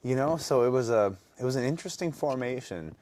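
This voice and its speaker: A man's voice: mid-range voice, animated, brisk, a little mellow, no echo. A man in his twenties from North Dakota, a guest musician telling long rambling stories with many fillers in a casual interview. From North Dakota, USA. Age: 20s.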